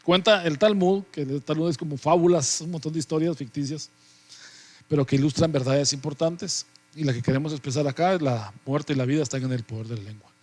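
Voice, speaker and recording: A man teaching a Bible study, telling a fable at an unhurried pace with frequent hesitations. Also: a little high, a little mellow, dry recording.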